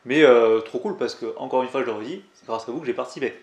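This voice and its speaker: A man's voice: mid-range voice, quick pace, echoey room. A man in his twenties with a southern French accent from Toulouse, chatting casually and in slang as he tells his viewers a story. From southern France. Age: 20s. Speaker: climbing YouTuber.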